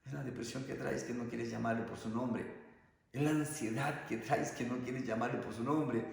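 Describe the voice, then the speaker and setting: A priest in his sixties giving a sermon, emphatic and drawing out key words slowly. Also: medium pitch, steady tone, vocal fry, a little mellow. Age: 60s. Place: church. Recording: echoey church with long reverb.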